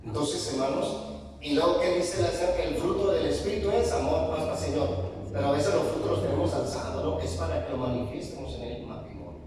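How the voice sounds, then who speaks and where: Male pastor, animated sermon, slightly high voice, distant mic in a reverberant church hall. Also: a little fast, a crowd in the background. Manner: animated, addresses congregation as brothers, rising emphatic pitch. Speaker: pastor and psychologist. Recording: echoey hall, voice from far off, faint room noise.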